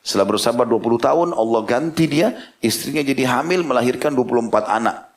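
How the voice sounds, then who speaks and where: Animated male preacher telling a story. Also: medium pitch, quick pace. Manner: animated storyteller who switches into quoted voices; addresses listeners directly as friends. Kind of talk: sermon storytelling.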